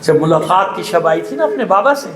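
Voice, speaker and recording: Male cleric with a Karachi Urdu accent, high-pitched and swooping majlis sermon, roomy mosque echo. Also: expressive, a crowd in the background. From Pakistan. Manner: rising to emotional high-pitched cries, drawn-out lament. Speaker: cleric delivering a mourning sermon. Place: mosque congregation hall.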